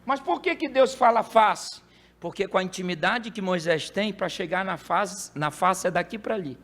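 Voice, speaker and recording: A pastor preaching a sermon, with sudden loud bursts between quiet, explaining passages. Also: male voice, sits high, moderate pace. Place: church. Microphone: handheld mic.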